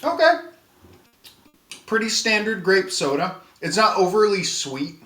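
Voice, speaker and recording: A man's voice: high-pitched, a little slow. Man chatting casually in a roomy space. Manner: relaxed, chatty, thinking aloud with fillers. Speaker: streamer doing a taste test. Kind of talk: casual live-stream chat. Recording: roomy with faint background noise.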